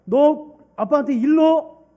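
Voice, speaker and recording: A man preaching a sermon, voicing a scheming middle-aged neighbor who blackmails a child, in a low, hushed, pressuring voice. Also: animated, normal speed, big-room sound. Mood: bossy.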